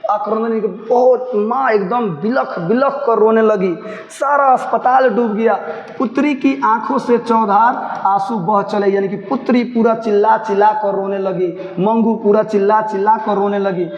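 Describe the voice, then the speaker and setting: A man's voice: high voice, fairly even intonation, moderate pace. Man explaining a story, echoey room. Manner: reads a line, then re-explains it in simple words with local dialect asides; keeps calling students to listen closely. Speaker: teacher. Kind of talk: line-by-line story explanation for students. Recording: echoey room, dull lo-fi sound, faint noise.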